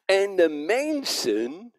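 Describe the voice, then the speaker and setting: A man's voice: high-pitched, drawn-out words, no room sound. A man preaching a sermon, asking his listeners rhetorical questions and correcting himself as he goes. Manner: animated, rhetorical questions to the congregation; stumbles over names, self-corrects.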